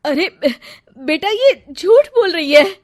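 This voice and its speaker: A woman voicing a bossy, short-tempered middle-aged mother-in-law for a cartoon story, scolding loudly and shrilly. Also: high voice, level tone, moderate pace, pitched above the performer's own voice, lightly acted. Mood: indignant.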